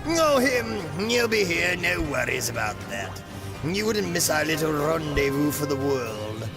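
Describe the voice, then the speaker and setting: A man's voice: fairly high pitch, big pitch swings, unhurried, vocal fry, exaggerated voice. A man playing a gleeful, maniacal supervillain in an audio drama, mocking and theatrical, drawing out his words between cackles. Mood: playful taunting. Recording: loud music under the voice.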